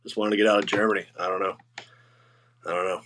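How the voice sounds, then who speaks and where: A man's voice: low-pitched, flat delivery, a bit bright, slight background noise. A middle-aged man, a retired army sergeant, chatting as a podcast guest, laughing and swearing as he recalls an old comrade. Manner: laughing, profane, halting with restarts. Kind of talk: casual chat.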